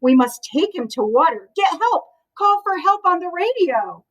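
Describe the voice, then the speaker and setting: Lady reading as a worried little storybook boy, high voice, pleading and exclaiming. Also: big pitch swings, normal speed, fairly bright tone, heavily acted. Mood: urgent. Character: anxious young boy who overfed his pet fish.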